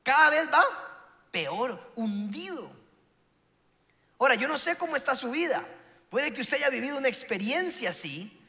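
A man's voice: very high voice, big pitch swings, moderate pace, gravelly, long pauses, sharp tone, in a large hall. A male pastor, preaching a sermon and telling a story with acted-out quotes and emphatic delivery.

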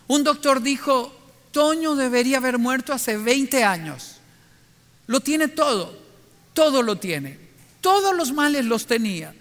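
A man's voice: very high-pitched, pushed and bright, big-room sound. A middle-aged man preaching a sermon in an earnest, reflective way, putting direct questions to his listeners.

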